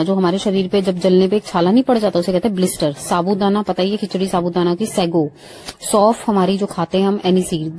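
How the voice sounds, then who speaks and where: A woman with an Indian accent teaching English vocabulary. She gives each phrase in Hindi, then says the English slowly and clearly. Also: fairly low pitch, darkish tone. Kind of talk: vocabulary lesson.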